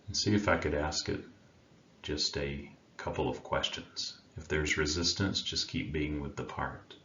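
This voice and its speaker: The sound here is roomy, dull, and a little muffled, with faint background noise. Through it, a very deep-voiced man leads a meditation, soothing and slow, pausing at length between gentle phrases.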